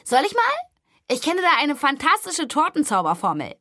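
A woman's voice: high voice, big pitch swings, normal speed, bright, forceful tone, no room sound, studio quality, exaggerated voice. A woman voicing a boastful, pushy aunt fairy in a children's audiobook.

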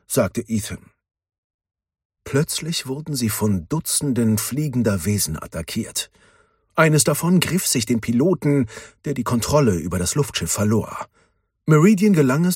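Husky, animated male storyteller. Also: mid-range voice, no echo, studio quality. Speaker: narrator. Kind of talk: storybook reading.

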